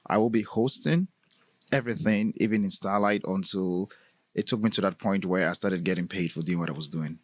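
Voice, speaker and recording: A man's voice: lowish voice, dry recording, studio quality. A middle-aged man from Cameroon with a Cameroonian accent, telling stories as a podcast guest and laughing often. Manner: laughs often, storytelling, relaxed. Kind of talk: casual interview chat.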